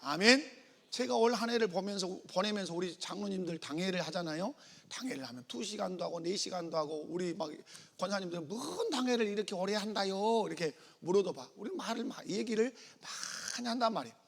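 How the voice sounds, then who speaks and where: A man's voice: high-pitched, fairly quick, gravelly, a bit bright, big-room sound. A man preaching a sermon as pastor, acting out little dialogues and calling for the congregation's response. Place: church sanctuary.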